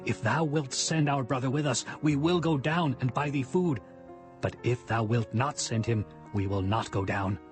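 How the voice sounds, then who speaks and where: A man's voice: mid-range voice, moderate pace, natural voice. An actor playing an earnest Israelite son who pleads with his father in formal archaic language, in a dramatized scripture reading. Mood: insistent. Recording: music behind the voice.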